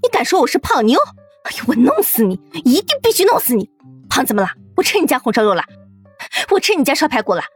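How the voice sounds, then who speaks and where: A man voicing a fierce, quick-tempered plump young woman in an audiobook story, yelling in a shrill tirade. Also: sing-song, soft background music. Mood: raging. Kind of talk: storytelling character voice.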